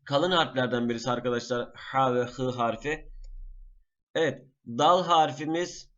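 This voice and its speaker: A man teaching a class in a screen-recorded lesson, patiently naming each item slowly and repeating it. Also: medium pitch, fairly bright tone, highs cut off. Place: at a computer.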